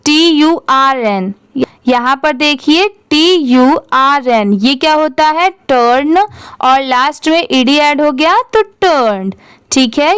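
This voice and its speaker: Woman teacher, high voice, slow and deliberate, spells words out and quizzes the class, dry close sound. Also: no echo. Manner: spells words letter by letter, then asks and answers the reading. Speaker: English reading teacher.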